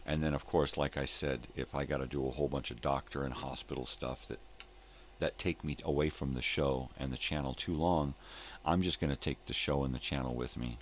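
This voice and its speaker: An older man with a bass voice hosts a live morning show, speaking a little fast with fairly even intonation. He chats casually in laid-back hippie slang, drifting and repeating himself. A little hiss or hum is audible.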